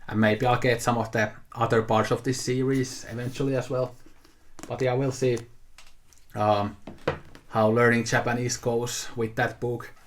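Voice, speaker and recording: With a little background noise behind him, a 28-year-old video host whose native language is Finnish casually walks the camera through his haul. His mid-range voice is flat and unhurried, and his easygoing, rambling talk has frequent fillers and restarts.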